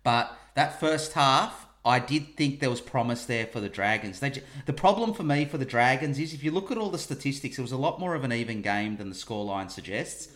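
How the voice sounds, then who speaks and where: Male podcast host, medium pitch, wry and emphatic, running through sport in a casual chatty way. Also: expressive, brisk, few pauses, fairly bright tone. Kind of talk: casual review and banter.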